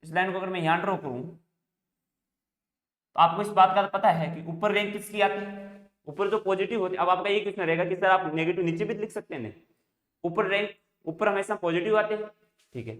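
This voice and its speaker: A man's voice: high-pitched, brisk, pauses often, fairly bright tone. Echoey male teacher drilling a lesson. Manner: repetitive call-and-response questioning. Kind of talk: classroom math lesson. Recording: echoey room.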